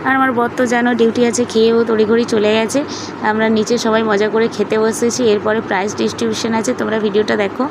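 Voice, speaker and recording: A woman's voice: on the high side, flat delivery, fast, noisy background. A middle-aged woman from West Bengal narrating a casual family vlog, chatting directly to her viewers. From West Bengal, India. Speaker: vlogger.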